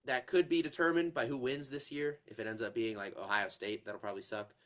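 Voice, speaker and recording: A congested co-host of a casual college football podcast talks a little fast in a level, mid-range voice with a fairly bright tone. The sports chat is rambling, thick with fillers and restarts.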